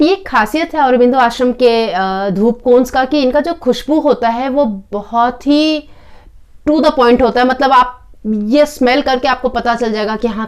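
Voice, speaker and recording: A woman giving a casual product review with a live demo, in calm, unhurried descriptive talk with occasional fillers. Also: on the high side, clear, resonant tone.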